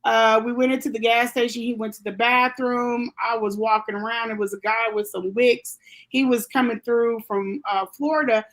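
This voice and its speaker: Speaking as a guest in a casual interview, a woman raised in Germany works through a personal story. Her slightly high, somewhat bright voice keeps a steady tone at normal speed. She rambles, circling back with fillers and restarts along the way.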